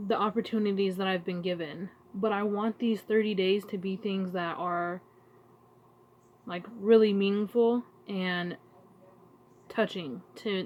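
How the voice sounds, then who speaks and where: A woman talking to her channel in a casual, emotional vlog, halting and searching for words as she grows tearful. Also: medium pitch, a little hiss or hum. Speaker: vlogger. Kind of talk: casual heartfelt vlog talk.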